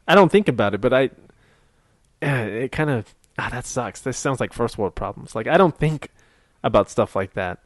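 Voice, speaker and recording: A man co-hosts a casual podcast in a mid-range voice. He jokes and rambles freely and is quick to laugh. The mic sound is dry and close. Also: medium pitch, animated, dry recording. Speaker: podcast co-host. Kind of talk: casual chat.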